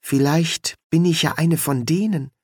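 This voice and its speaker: Male narrator playing a jumpy, feisty young woman, pitched up. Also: measured pace, breathy edge, dry recording, clean studio sound. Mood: anxious. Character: anxious, spirited young actress.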